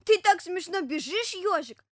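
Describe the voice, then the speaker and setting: A naive, playful little male bear cub who gets carried away with eager excitement, as a woman puts him on. His voice rides high and loud, with a dry, close sound. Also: a little slow, dry recording, heavily acted. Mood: excited. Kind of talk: storybook reading.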